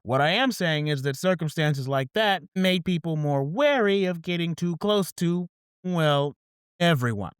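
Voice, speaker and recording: A man's voice: a little high, lively intonation, unhurried, clean tone, no echo, clean studio sound. A man hosting a podcast, reading a scripted opening and then chatting casually, often repeating "absolutely". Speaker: podcast host.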